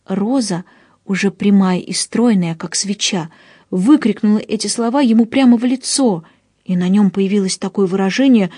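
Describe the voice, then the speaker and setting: Mellow-voiced woman narrating an audiobook. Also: medium pitch, dry recording, studio quality. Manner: expressive, first-person storytelling.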